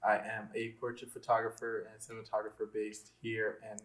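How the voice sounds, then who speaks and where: A man from Haiti, a photographer, introducing himself in an easygoing, calm way with many fillers. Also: fairly low pitch, fairly quick, rough recording. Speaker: photographer guest. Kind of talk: casual round-table chat.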